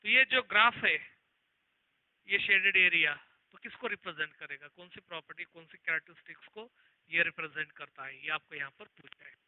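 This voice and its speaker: High-voiced man teaching physics, tinny audio. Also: no room sound. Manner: reads question slowly word by word, then explains quickly. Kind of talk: online exam-prep lesson.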